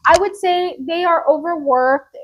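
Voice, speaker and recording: A woman's voice: extremely high pitch, a little slow, a little hiss or hum. A woman co-hosting a casual chat podcast, telling gossip and mixing Spanish words into her English. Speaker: podcast co-host.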